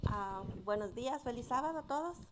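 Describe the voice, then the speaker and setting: A woman telling a Bible story to children at a church service, in a gentle, simple way with halting restarts. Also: on the high side, expressive, heavy background noise. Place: church sanctuary.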